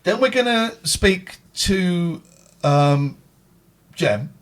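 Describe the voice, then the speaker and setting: Animated British male host, higher-pitched voice. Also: very slow. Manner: informal, rambling, repeats phrases. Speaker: host of a live phone-in show. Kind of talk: casual live chat.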